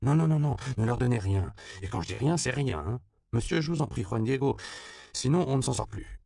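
A man's voice: on the low side, very animated, quick pace, gravelly, a little mellow, dry recording, clean studio sound. A man voicing an anxious male driver who pleads urgently in a raised, insistent voice. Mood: alarmed pleading.

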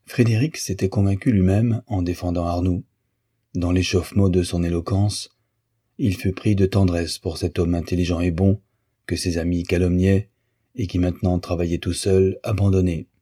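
Deep husky male audiobook narrator. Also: level tone, moderate pace, warm tone.

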